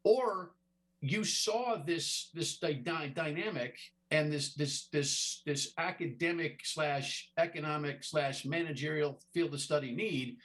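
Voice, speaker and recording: Rambling, stammering talk show host. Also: male voice, a little high, unhurried, a bit bright. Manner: rambling, stammers through long questions. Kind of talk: TV interview.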